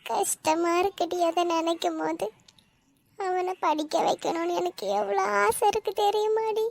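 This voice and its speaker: A woman's voice: very high voice, steady tone, unhurried. A woman voicing a grieving middle-aged mother in a cartoon, with a Tamil Nadu accent, talking in a tearful, sorrowful way. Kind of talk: cartoon voice acting.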